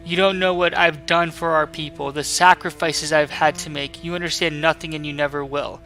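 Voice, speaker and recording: A defiant captured villainess from a video game, acted out by a man. The delivery sputters with gloating menace, sneering like a foiled villain. The voice is forceful and slightly high for a man, over faint music. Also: steady tone, normal speed. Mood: bitter menace. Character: sneering, defiant female villain, captured noble mech pilot. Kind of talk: dramatic read-aloud of game dialogue.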